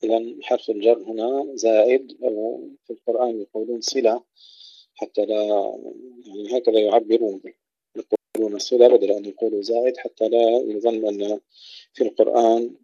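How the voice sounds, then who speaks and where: A man teaching tajweed, explaining rules and then reciting words slowly with long drawn-out vowels. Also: fairly low pitch, flat delivery, mellow, husky, no echo, highs cut off. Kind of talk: tajweed lesson with recitation examples.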